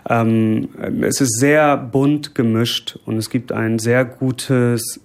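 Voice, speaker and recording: A bilingual man from Bremen talks through his reasons in a measured, hesitant way. His voice sits at an average pitch, and he fills his pauses with small hesitation sounds. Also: flat delivery. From Germany, Bremen. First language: bilingual Lebanese Arabic and German. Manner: thoughtful, hesitant with many fillers. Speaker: interview guest, parent. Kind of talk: conversational interview.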